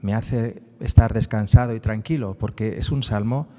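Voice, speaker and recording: A man's voice: lowish voice, normal speed, mellow, big-room sound. A man from giving a public talk about a book on the psalms, explaining as he goes and often tagging his sentences with little questions. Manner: explanatory, frequent tag questions. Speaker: speaker presenting a book on the psalms.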